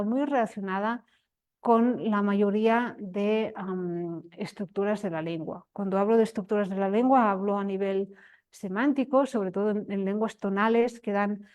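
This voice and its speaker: A woman's voice: medium pitch, darkish tone. A woman giving an academic lecture, explaining step by step with frequent restarts and emphatic rises.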